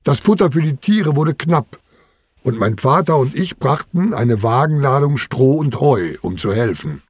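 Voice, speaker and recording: A middle-aged man narrating a children's farm story in an expressive storytelling manner. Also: unhurried, slightly rough, no room sound, clean studio sound. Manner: expressive, sweeping pitch.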